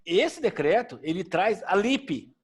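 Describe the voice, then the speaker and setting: A man's voice: sits high, big pitch swings, slow pace, husky. A male teacher giving a conversational classroom lecture with a Brazilian Portuguese accent, often asking his students questions.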